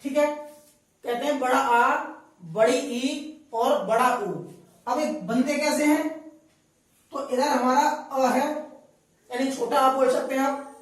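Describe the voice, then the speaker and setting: A woman's voice: high-pitched, fairly even intonation, slow, long pauses. A woman teaching a grammar lesson, repeating each point and quizzing her listeners with questions. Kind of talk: classroom lesson. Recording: very echoey room, voice from a distance.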